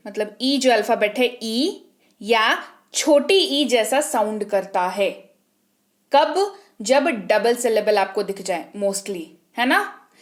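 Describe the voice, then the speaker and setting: A woman teaching English spelling rules, patiently spelling words out letter by letter and asking herself questions before answering them. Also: on the high side. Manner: patient, asks and answers her own questions. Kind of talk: spelling lesson in Hindi.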